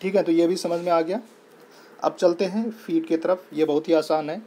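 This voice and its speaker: A man's voice: fairly high pitch, steady tone, moderate pace, mellow, husky. A young man with an Indian accent teaching a lesson, patient and repetitive, spelling words out letter by letter. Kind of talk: explaining lesson in Hindi-English mix.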